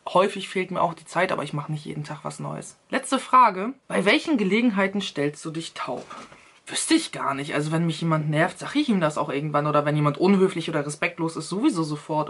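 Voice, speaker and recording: A woman's voice: sits low, husky. Woman vlogging, chatty and slangy, talks right at her viewers. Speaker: YouTuber answering a question series. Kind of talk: casual vlog chat.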